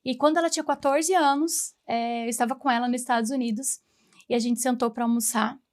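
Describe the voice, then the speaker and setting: A woman in her forties with a notably high voice speaks as an interview guest. She tells her own story earnestly and reflectively. She slips into the voices of the people in the conversations she recalls. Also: steady tone, brisk. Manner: acts out remembered dialogue. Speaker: interview guest, women's mentor. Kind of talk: personal testimony in a talk-show interview.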